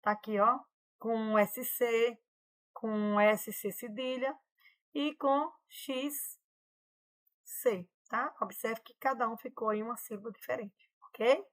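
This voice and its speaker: A patient woman teacher explains a lesson step by step, pointing at examples on her slides. Her voice sits a little high for a woman. She keeps checking in with her students as she goes. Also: fairly even intonation, slow pace.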